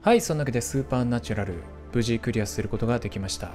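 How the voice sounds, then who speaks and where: A young adult man streaming a horror game, reacting loudly and roughly with excitable outbursts. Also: mid-range voice, racing, soft background music. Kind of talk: live gameplay commentary.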